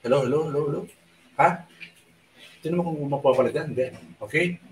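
A man hosts a casual live stream, rambling through a story with many fillers and restarts. He keeps his voice low on purpose. The sound is roomy, and he sits back from the microphone. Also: fairly quick, distant mic, slight background noise. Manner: speaks softly on purpose at night. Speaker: online show host.

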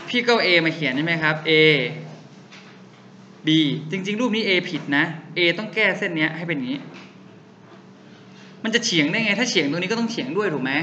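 A young man teaching a physics lesson who keeps asking his students quick rhetorical questions and answering them himself. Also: sits high, bright, forceful tone. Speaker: physics tutor. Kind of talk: classroom lecture. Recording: faint background noise.

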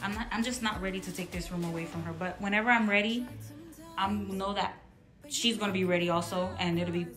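This home vlogger's mid-range voice stays steady and runs a little fast as she casually presents her purchases and her large, bright house, especially the kitchen and playroom. Shot on a handheld phone camera, her clean-with-me narration rambles and self-corrects. There's echo in the room and music in the background.

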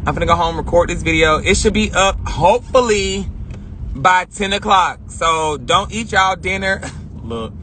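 A woman's voice: on the low side, animated, moderate pace, a bit bright. A woman hosting a casual live stream from inside her car on a phone, talking in a brash, joking, profane way. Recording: car noise behind.

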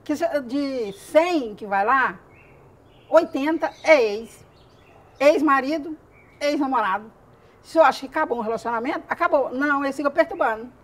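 A woman's voice: high voice, normal speed. A woman from Brazil who works at a women's police station, chatting casually on a TV show and telling funny anecdotes with frequent laughter. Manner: animated storyteller, laughs often.

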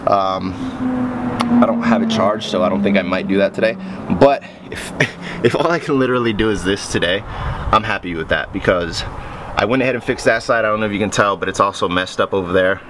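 A man's voice: lowish voice, brisk, a bit bright, slight background noise. A man chatting casually as he works on a car in a garage, explaining each step to the camera as he moves around. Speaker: car project vlogger.

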